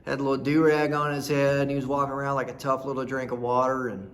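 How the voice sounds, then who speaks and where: Telling his own stories casually, the host sounds like what he is: a blunt, folksy, rambling thirty-something from rural Nebraska. His medium-pitched voice stays level and moves quickly.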